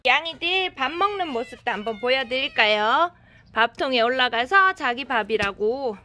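A woman with a high, bright voice narrates a casual vlog as an animal cafe owner. She calls her cats in a sing-song, coaxing way. She is recorded outdoors in a yard. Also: expressive, normal speed.

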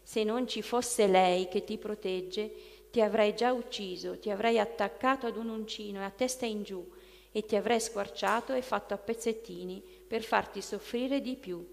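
A woman's voice: medium pitch, moderate pace, creaky, natural voice. A woman reading aloud and voicing a hateful, tormented male demon who spits out spiteful outbursts, with a long reverb on the recording. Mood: threatening.

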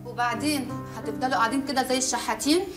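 An actress playing a scheming Egyptian woman who talks in a brisk, scolding way. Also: fairly high pitch, fairly even intonation, reverberant, over music, close to an everyday voice. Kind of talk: comedic film acting.

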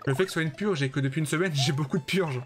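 Male streamer, blunt and talkative, slightly higher pitch, soft game music underneath. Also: very fast. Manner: chatty, judges viewer levels bluntly, answers chat by name. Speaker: streamer playing a level-making platform game. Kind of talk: casual live-stream commentary to chat.

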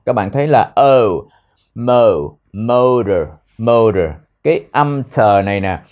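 A man's voice: medium pitch, warm tone, muffled recording. Vietnamese man drilling English words. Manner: repeats words slowly, drilling pronunciation. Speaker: English teacher. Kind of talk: language lesson explaining phrases.

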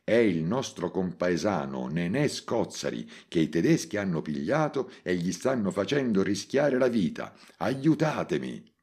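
A man's voice: sits low, lively intonation, normal speed, a little mellow, husky. A man voicing a brusque, urgent middle-aged police inspector. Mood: commanding.

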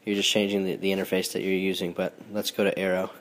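A man's voice: low-pitched, flat delivery, fast. A man with a nasal, stuffy voice from being sick, casually hosting a phone walkthrough with frequent ums and restarts. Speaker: host.

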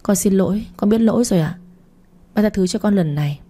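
A woman's voice: mid-range voice, brisk, mellow, natural voice. A remorseful spoiled daughter, read by a woman. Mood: tearful. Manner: apologetic, tearful. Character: spoiled young adult daughter, remorseful and tearful. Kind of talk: audiobook reading.

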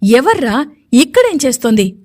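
A woman's voice: high-pitched, sing-song, moderate pace, darkish tone. A woman doing a furious bossy young man. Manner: barking orders, harsh and commanding. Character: angry domineering young man, a gang boss.

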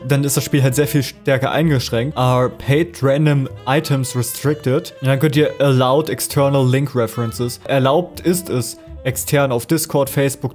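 A man hosting a screen-recorded software tutorial, explaining casually with fillers and speaking straight to his viewers. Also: medium pitch. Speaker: tutorial host.

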